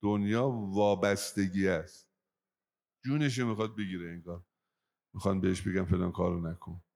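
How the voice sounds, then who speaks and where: A man's voice: deep voice, steady tone, creaky, a little mellow. A man preaching a religious sermon who tells moral stories to his listeners and raises his voice on key points. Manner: emphatic, voice rising on key points.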